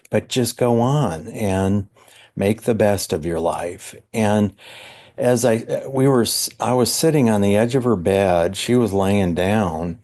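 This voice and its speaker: On a podcast, a male psychologist with a mellow, fairly low voice sincerely shares a spiritual experience of his own. His speech frequently stalls as he gropes for words.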